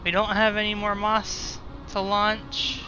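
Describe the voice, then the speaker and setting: Speaking slowly in a completely flat mid-range voice, a female gaming video host calls out each command and move live during gameplay. The recording sounds muffled and narrow, with game music and engine noise in the background.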